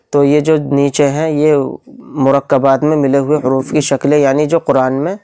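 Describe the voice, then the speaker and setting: A man teaching beginners to read the Quran with tajweed, stretching out each letter name slowly and explaining patiently step by step. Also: medium pitch, dark tone, no echo, studio quality.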